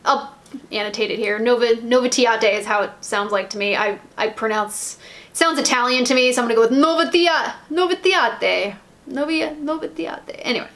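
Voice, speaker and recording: A woman's voice: a little high, steady tone, a little fast, a bit bright. An American woman chatting casually about nail polish, rambling, with lots of ums and restarts. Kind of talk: casual haul chat.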